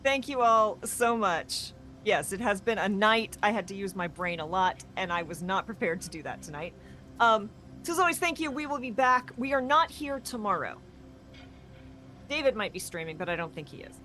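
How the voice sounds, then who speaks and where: A woman's voice: medium pitch, lively intonation, normal speed, pushed and bright, soft background music. A woman hosting a co-op game stream, chatting casually and thanking viewers in an upbeat way. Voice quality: chatty, upbeat sign-offs. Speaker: streamer and host.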